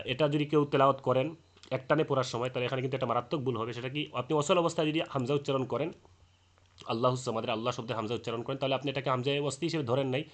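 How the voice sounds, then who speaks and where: Man, recitation teacher, patient explanatory lesson, repeats points, middle-pitched voice. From Bangladesh.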